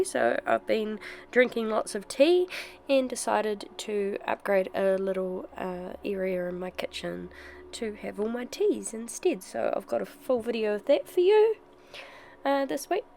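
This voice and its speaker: A woman's voice: a little high, vocal fry, a little mellow, slight background noise. A woman in her thirties, chatty and rambling with fillers and laughs, vlogging casually from her home art desk while her voice sounds sick. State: sick, rough voice. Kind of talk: casual vlog to camera.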